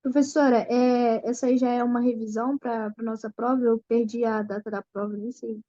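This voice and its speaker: A woman's voice: fairly high pitch, little pitch movement, moderate pace, mellow, dull audio. A woman student hesitantly asking her teacher a question during an online class.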